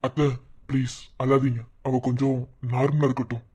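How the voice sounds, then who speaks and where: A man's voice: medium pitch, flat delivery, moderate pace, lo-fi sound, background noise, lightly acted. A man voicing a young son-in-law in a cartoon, soothing and reassuring but firm when he has to be. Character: young son-in-law, calm and protective, stern when needed. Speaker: son-in-law comforting the family.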